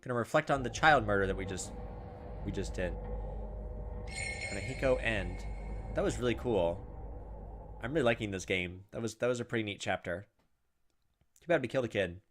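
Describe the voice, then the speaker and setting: With game music playing underneath, a man narrates a let's-play, reading the game's text aloud and adding offhand, flippant remarks. He speaks at a moderate pace with long pauses, in a lowish voice with a fairly bright tone.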